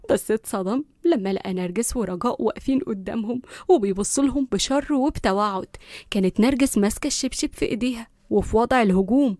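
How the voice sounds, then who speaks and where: A woman with an Egyptian accent narrating a comic family story briskly. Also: a little high, no echo, studio quality. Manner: brisk, lively reading.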